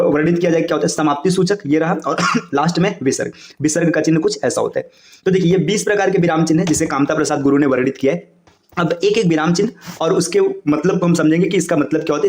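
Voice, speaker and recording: A man teaching Hindi grammar for exam coaching, explaining fast and checking in with "है ना" and "देखिए". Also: a little high, darkish tone, echoey room.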